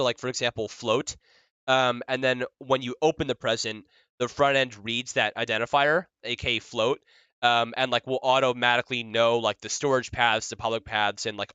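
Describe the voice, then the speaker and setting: A man's voice: mid-range voice, sharp tone, smooth, dry recording, muffled recording. A man casually demoing his own project on a livestream, joking about himself and laughing often as he talks. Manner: chatty with many fillers and restarts. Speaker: developer presenting his project.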